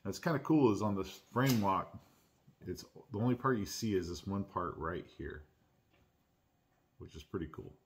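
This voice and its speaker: A man hosting his own channel, unboxing and reviewing a pocket knife in a relaxed, chatty way with lots of "uh"s and restarts. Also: deep voice, moderate pace, long pauses. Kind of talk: casual unboxing and product review. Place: at home.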